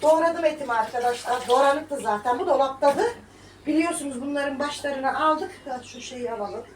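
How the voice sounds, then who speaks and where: A high-pitched woman in her thirties chats through a home cooking video and mocks her critics with laughs. Her voice sits a little away from the phone, in an echoey kitchen with faint room noise behind her. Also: moderate pace, recorded from a distance. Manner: chatty, scolding and mocking critics with laughs. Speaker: vlogger. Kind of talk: casual cooking vlog, talking to viewers.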